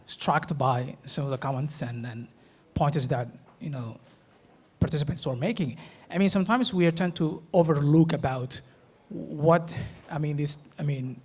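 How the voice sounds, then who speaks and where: A man from Somalia speaks from the floor at a policy forum. His voice sits a little high for a man, and he talks haltingly, with many fillers and restarts. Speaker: forum participant. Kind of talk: panel discussion remarks.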